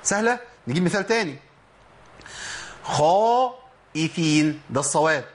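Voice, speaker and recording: A man's voice: a little high, animated, quick pace, a bit bright. A man with an Egyptian Arabic accent teaching Quranic pronunciation, explaining step by step and answering his own questions. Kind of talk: instructional lesson on pronunciation.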